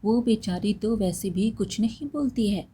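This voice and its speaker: A woman voicing a sorrowful, gentle young husband who is bedridden, speaking in a pleading way. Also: mid-range voice, unhurried, slightly rough.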